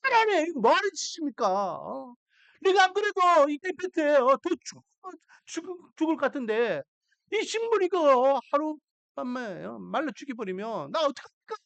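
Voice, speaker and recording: A man preacher voicing an exasperated male prophet who complains loudly and indignantly. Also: very high voice, sing-song, moderate pace, creaky, no echo, voice pushed up, exaggerated voice.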